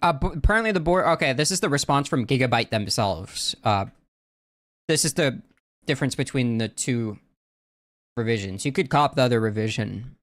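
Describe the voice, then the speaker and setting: A man's voice: mid-range voice, expressive, normal speed, fairly bright tone, no room sound. Frat-bro guy chatting on a livestream, dry sound. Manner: frat-bro talk, slangy, profane, egging on. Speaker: livestream host. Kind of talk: casual livestream chat.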